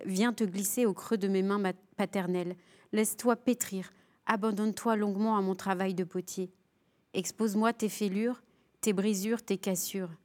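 A woman guest on a TV studio show, reading a spiritual text aloud in a measured, raised voice. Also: medium pitch, darkish tone. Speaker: guest, author.

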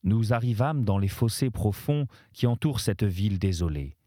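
A man narrates a classic poem in a measured, solemn reading. His voice is low and mellow, recorded close and dry in a studio. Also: animated, no room sound. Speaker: reader. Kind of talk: audiobook-style literary reading.

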